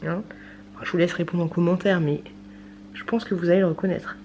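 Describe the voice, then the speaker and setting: A woman's voice: fairly low pitch, steady tone, a little fast, darkish tone, highs cut off, a little hiss or hum. A young woman, chatty and playful, vlogging casually at home with lots of fillers and asides to her viewers. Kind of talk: casual vlog chat. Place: at home, indoors and outdoors.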